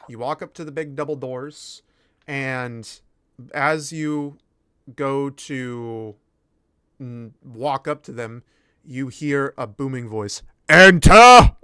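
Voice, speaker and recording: A man works as game master, improvising narration for a tabletop game. He is slow and halting, pausing mid-phrase, in a forceful, crisp voice recorded close and dry. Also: mid-range voice, steady tone, no echo.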